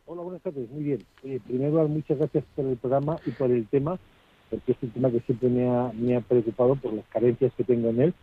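A man's voice: mid-range voice, steady tone, a little fast, a little hiss or hum. A man calling in to a radio show with his phone held too far from his mouth, so he sounds faint and distant. He speaks hesitantly, with fillers and restarts. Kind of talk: call-in chat. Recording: tinny phone line.

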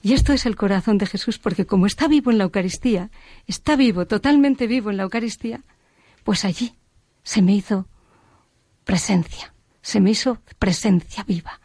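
A woman's voice: mid-range voice, fairly quick, darkish tone, dry recording, studio quality. A middle-aged woman giving an earnest personal faith testimony, repeating phrases for emphasis. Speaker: religious sister giving testimony.

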